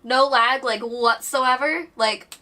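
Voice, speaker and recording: Excitable lady streaming board games, kinda high bright voice, a bit far off the mic. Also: slow. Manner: bubbly, excitable, rambling. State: a bit out of breath. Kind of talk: casual live-stream chat.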